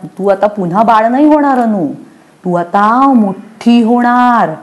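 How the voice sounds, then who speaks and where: A woman doing a calm, patient mother. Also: on the high side, slow, pitched above the performer's own voice. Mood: gentle. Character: patient, gentle mother of a small girl.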